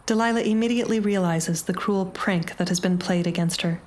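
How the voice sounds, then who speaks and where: A woman narrates a short story with a low, steady voice. Her delivery is measured and dramatic, shaping each scene for the listener. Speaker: audiobook narrator.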